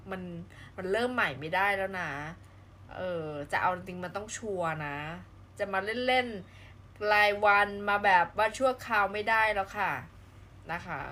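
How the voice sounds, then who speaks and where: A woman's voice: medium pitch, a bit bright, slight background noise. Chatty, playful woman live-streamer. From southern Thailand. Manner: chatty and playful, with frequent exclamations. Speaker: live streamer reading viewer comments. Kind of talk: casual live-stream chat.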